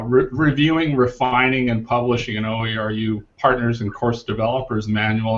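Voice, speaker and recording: Male working group lead, mid-range voice, steady explanatory report, muffled call line. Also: medium pitch. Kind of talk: giving a meeting report.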